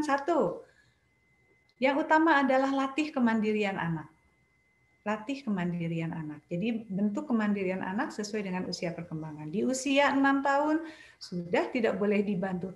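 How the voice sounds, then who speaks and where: Woman psychologist giving parenting advice. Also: fairly high pitch. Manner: explains in numbered points, addresses parents directly. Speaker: child psychologist. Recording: echoey room.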